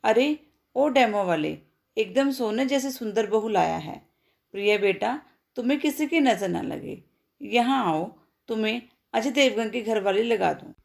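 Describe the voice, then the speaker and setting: A woman's voice: on the high side, expressive, a little slow, creaky. A woman voicing a pushy, teasing middle-aged neighbor aunt in a read-aloud family story, scolding and making puns. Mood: doting.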